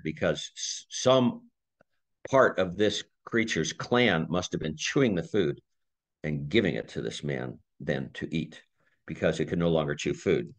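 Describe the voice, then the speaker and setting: Man giving a relaxed slide lecture. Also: sits low. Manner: conversational, thinks aloud with restarts and small laughs. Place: community talk room.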